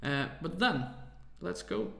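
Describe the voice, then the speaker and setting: Late at night and clearly tired, a man with a gravelly voice walks through music software in a screen-recorded tutorial. He sits on the high side with lively intonation and a slow pace, sounding a bit bright in a reverberant room. He hesitates often, says "uh" a lot, and apologizes for his English.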